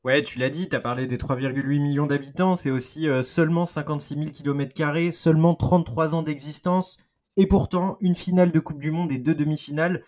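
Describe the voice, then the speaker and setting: A man in his thirties with a French accent, presenting a lively, joking football chronicle on a podcast and backing it with figures. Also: on the high side, brisk. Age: 30s. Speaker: football columnist.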